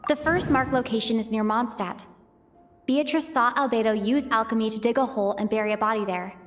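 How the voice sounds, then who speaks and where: In a fan dub of a game cutscene, a woman voices a young female traveler's inner monologue, reasoning aloud through a mystery clue by clue and second-guessing herself. Her pitch runs slightly above a typical woman's, her tone is steady and her pace fairly quick, with light acting and a thoughtful mood. Faint game music plays softly beneath her.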